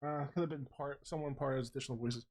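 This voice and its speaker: Male game streamer, medium pitch, casual commentary, muttered asides, reading text aloud. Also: steady tone, fast, a little mellow, a little hiss or hum.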